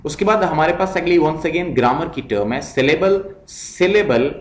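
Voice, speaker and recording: A male English teacher explains grammar in a mix of Hindi-Urdu and English. He reads English examples slowly and repeats each word. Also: on the high side, reverberant. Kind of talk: recorded classroom lesson.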